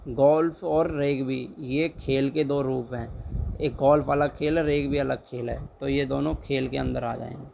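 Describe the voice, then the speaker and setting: A man's voice: medium pitch, fairly even intonation, measured pace, gravelly, darkish tone, lo-fi sound, slight background noise. A young man tutoring exam questions in a casual, chatty way, repeating each answer and urging viewers to like and subscribe. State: dry throat.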